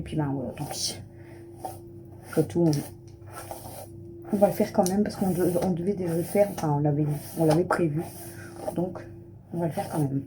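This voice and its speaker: A woman's voice: on the low side, background noise. A woman in her thirties, a family vlogger chatting casually to camera at home, rambling with lots of fillers. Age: 30s. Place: at home, just out of the shower.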